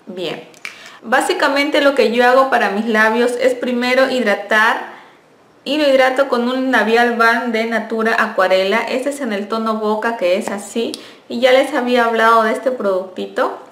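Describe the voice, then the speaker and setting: A woman's voice: on the high side, normal speed, a bit bright. A young woman, chatting in a friendly way as she reviews a beauty product and corrects herself as she goes. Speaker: beauty vlogger. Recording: echoey room.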